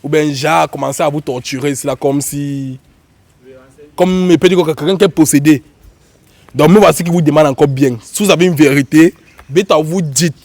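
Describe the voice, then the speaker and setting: A fairly high, slightly mellow voice belongs to a YouTube show host with a Cameroonian accent who has a cold. He keeps a steady tone at normal speed, addressing viewers and guests informally and repetitively, in a dry recording.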